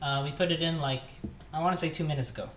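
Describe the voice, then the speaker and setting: Speaking quickly in a slightly high voice with fairly even intonation, a young Taiwanese man chats while he cooks on a live stream. He rambles, restarting often and leaning on fillers. The recording from his home kitchen is very noisy and echoey, with music and chopping behind him.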